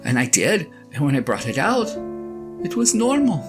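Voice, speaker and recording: A woman playing a flustered, reluctant Moses as an aging husband, halting and pleading in a conversational audio drama monologue. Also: low-pitched, very animated. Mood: earnest, awed. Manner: halting, stammering, pleading, sighing. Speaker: actor in a one-person audio drama. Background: guitar and piano music.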